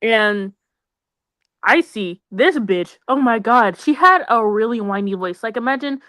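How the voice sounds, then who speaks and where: A young woman trades gossipy stories with friends, animated and full of slang and asides. Her voice is on the high side and a little slow, recorded cleanly in a studio with no echo.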